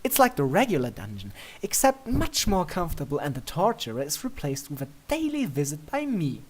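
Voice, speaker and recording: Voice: mid-range voice, huge pitch swings, a little fast. A narrator voicing a female pony princess in a story reading, playful, smug and flirty, with a coy regal manner. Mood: proud, playful.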